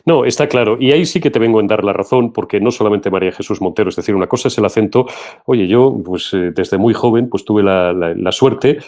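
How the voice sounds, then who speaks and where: A man's voice: brisk, darkish tone. A man with a Castilian Spanish accent hosting a political commentary show, talking emphatically and with indignation. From Spain. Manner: emphatic, indignant, pitch rising when heated. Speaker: host.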